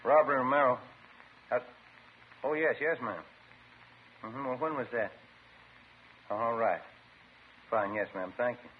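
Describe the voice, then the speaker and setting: An actor playing a polite, plain-spoken robbery detective in an old-time radio crime drama, brisk and matter-of-fact. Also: male voice, medium pitch, expressive. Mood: businesslike. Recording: muffled, faintly noisy old radio recording.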